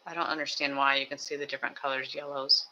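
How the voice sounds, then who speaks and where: Rambling home streamer with a sharp, bright voice who chats and builds at the same time. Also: medium pitch, little pitch movement, fast talker, dull audio, a little hiss or hum. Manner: chatty, thinks aloud, self-mocking asides. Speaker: live streamer building toy sets. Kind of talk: casual rambling chat while building. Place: home desk with two computers.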